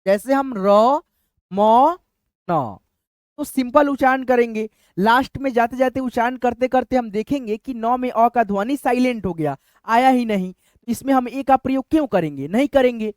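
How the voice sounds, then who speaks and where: A man's voice: extremely high pitch, brisk, darkish tone, no room sound. A man teaching a step-by-step lesson, repeating "friends" often as he talks the class through each point. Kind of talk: explanatory lesson.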